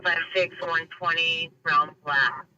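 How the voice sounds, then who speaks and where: A man's voice: fairly high pitch, steady tone, slow pace, highs cut off, background noise. A man giving unit calls and suspect details over a police radio scanner, terse and procedural. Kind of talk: clipped radio dispatch.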